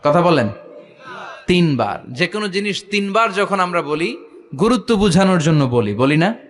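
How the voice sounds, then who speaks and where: A man with a high, very animated voice preaches a sermon to a gathering, calling out questions and drawing answers back from the crowd. It's a rousing call-and-response, and he chants Quranic verses slowly.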